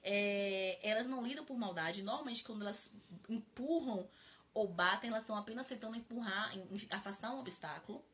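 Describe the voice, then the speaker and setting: A woman hosting a live-stream book club, explaining in an animated way and laughing often. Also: mid-range voice, brisk. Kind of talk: casual live-stream talk.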